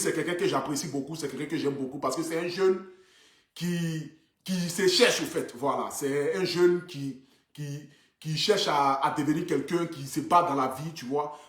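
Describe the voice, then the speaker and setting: Male influencer, casual phone livestream, earnest, filler-heavy, slightly high voice, roomy echo. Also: a bit bright. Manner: earnest, repetitive, many fillers like "voilà" and "donc du coup". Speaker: social media influencer. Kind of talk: casual livestream talk to viewers. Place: indoors, seated.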